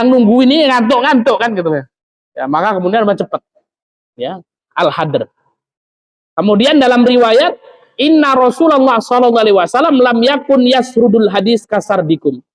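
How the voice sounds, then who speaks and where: A man's voice: high-pitched, rough recording. A man giving a religious study lecture as an Islamic teacher, talking in a conversational way with frequent tag fillers. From Lampung, Indonesia.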